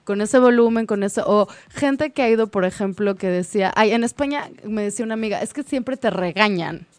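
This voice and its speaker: A woman co-hosting a casual chat, animated and acting out quoted dialogue. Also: medium pitch, brisk, dry recording. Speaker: co-host.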